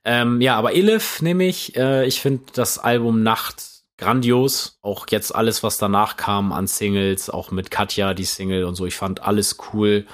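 A man's voice: fairly low pitch, moderate pace, hardly any pauses. A young man co-hosting a podcast in casual, slangy chat, full of fillers and easily fired up. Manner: slangy, excitable, with many fillers. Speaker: podcast co-host.

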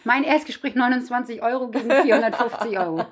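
A woman's voice: a little high, quick pace. Chatty woman hosting a podcast. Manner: chatty, laughs often, trails off. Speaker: podcast host, dog trainer. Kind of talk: casual chat. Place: indoors at home with dogs nearby.

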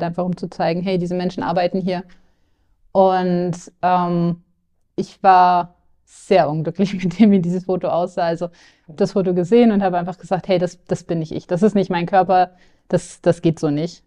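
Young woman from lower saxony, chatting openly as a podcast guest, lots of ums, lowish voice. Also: mellow. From Lower Saxony, Germany. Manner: candid, with filler sounds and restarts. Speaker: client interviewee. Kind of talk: casual podcast interview.

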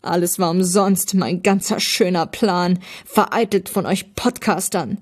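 A woman voicing a scheming villain in a read-aloud story, with loud, theatrical exclamations. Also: fairly low pitch, unhurried. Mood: defeated. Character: scheming villain, defeated and dramatic.

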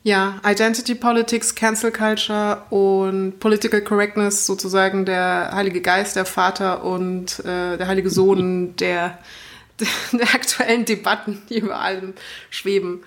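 A woman's voice: mid-range voice, level tone, measured pace. A woman co-hosting a casual podcast conversation, articulate and ironic, with fillers and hesitations. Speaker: podcast co-host.

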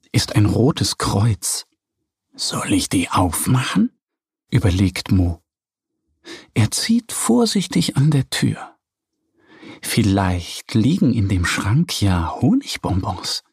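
A man narrating a children's audio story in a lively, expressive reading style. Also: fairly low pitch, slow, vocal fry, breathy edge, dry recording, clean studio sound.

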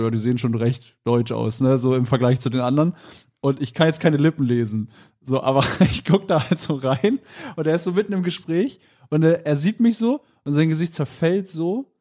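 A man's voice: on the high side, a little fast. Laughing storyteller man, casual podcast. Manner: animated, acts out quoted voices while laughing. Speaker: podcast co-host.

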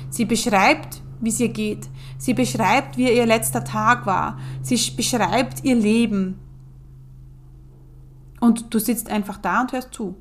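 Woman podcast host talking slow and earnest, kinda high voice, walks you through it step by step. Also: fairly even intonation, slight background noise. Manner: slow, earnest, coaching, addresses listener directly. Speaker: podcast host and business coach. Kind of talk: guided visualization podcast talk.

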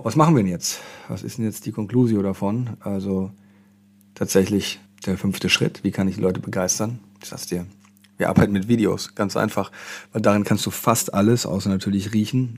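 A man's voice: lowish voice, steady tone, normal speed, vocal fry. A man hosting a solo marketing podcast, talking conversationally and addressing the listener directly with tag questions. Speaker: podcast host, marketing consultant.

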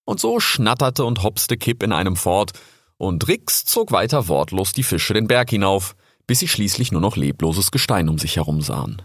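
A man calmly narrating a storybook aloud. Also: sits low, moderate pace, slightly rough, dry recording, clean studio sound. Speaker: audiobook narrator.

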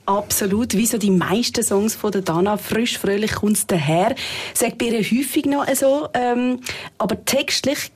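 A woman's voice: fairly high pitch, normal speed, breathy edge. A woman with a Swiss German accent, chatting casually as co-host of a music podcast. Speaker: deputy radio music chief and podcast co-host.

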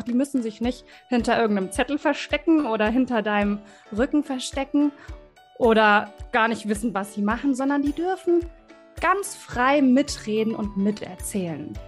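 In an interview, a woman who is a voice and communication expert appears as a guest and explains things to children, addressing them directly with warmth, encouragement and vivid examples. Her slightly high voice is animated and moves at a moderate pace, with soft music playing in the background.

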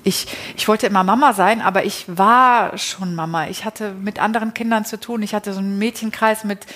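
A woman's voice: mid-range voice, steady tone, normal speed, a bit bright. A woman telling her personal story as an interview guest in a casual, chatty way, often restarting sentences and adding tag questions.

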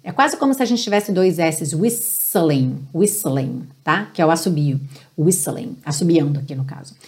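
Brazilian woman teaching english pronunciation, friendly, keeps saying ok, sings the lyrics slow to show how. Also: lowish voice, big pitch swings. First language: Portuguese. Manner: slows down and sings lyric lines to demonstrate; friendly, checks in with "ok?" often. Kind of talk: pronunciation lesson.

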